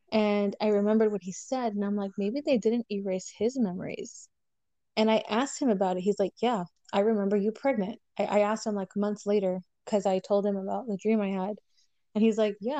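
A woman's voice: medium pitch, warm tone, no room sound. A woman chatting casually on a podcast, telling a personal story candidly and acting out the voices of people she quotes.

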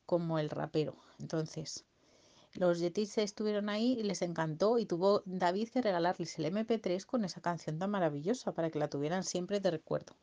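A woman's voice: fairly low pitch, normal speed, dark tone. A woman making up a bedtime story for a child, playful, with sung bits and sound effects. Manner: playful, sings silly songs and sound effects.

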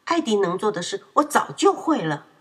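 A woman's voice: medium pitch, normal speed, slightly rough. A woman voicing a proud, quarrelsome young boy in a children's story, raising her voice when he gets upset. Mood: childlike. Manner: excitable, shouts when upset.

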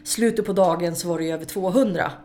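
A woman, a guest in an interview, telling lively stories about racing her car, swearing freely and laughing along the way. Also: on the low side, slight background noise. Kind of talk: casual interview storytelling.

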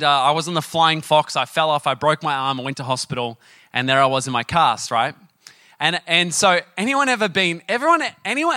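A middle-aged man preaching a sermon, telling personal stories in a chatty, animated way and often asking the audience questions. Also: fairly high pitch, no room sound. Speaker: pastor.

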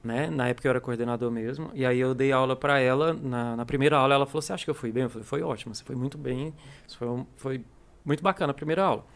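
A man's voice: mid-range voice, fast talker, clean tone. A Brazilian man, an English teacher and coordinator, chatting casually and acting out little stories with quoted dialogue. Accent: Brazilian Portuguese. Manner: animated storyteller, acts out quoted dialogue. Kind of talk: casual podcast chat.

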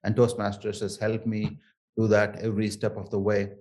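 A man's voice: lowish voice, completely flat delivery, normal speed, a little mellow. A man from southern India, a native Tamil speaker with a thick South Indian accent, talking conversationally as an interview guest. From Chennai area, Tamil Nadu, southern India. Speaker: interview guest, Toastmasters member.

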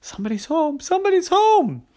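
A woman's voice: rumbling low, wildly swooping pitch, moderate pace, heavily acted. A woman voicing a lost, hungry little girl who chats to herself in a curious way. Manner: curious, chatty.

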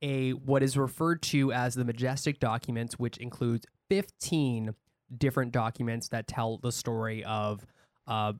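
A man's voice: medium pitch, steady tone, moderate pace, dry recording, clean studio sound. A man co-hosting a podcast in a casual, chatty way. He laughs often and restarts his sentences. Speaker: podcast co-host.

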